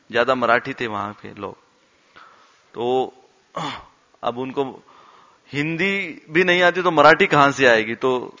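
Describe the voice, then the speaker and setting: A man giving a devotional talk, telling stories in an animated way and acting out the quoted lines. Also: medium pitch. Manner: animated storyteller, acts out quotes and laughs along. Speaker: temple speaker. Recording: dull sound with long hall reverb.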